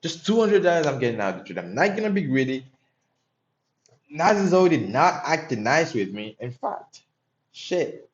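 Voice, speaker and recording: A man's voice: a little high, sing-song, normal speed, highs cut off. A young man from Haiti, commenting on his trades live and chatting with viewers in a loose, profane way. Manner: loose and profane, talks to chat. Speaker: live-streaming day trader. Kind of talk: casual live-stream commentary.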